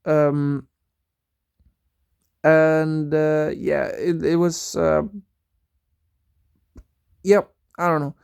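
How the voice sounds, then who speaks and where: Young guy rambling slowly through a story, lots of ums and restarts, kinda gravelly. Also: fairly high pitch, flat delivery, a little mellow. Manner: rambling, hesitant, full of fillers and restarts. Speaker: vlogger.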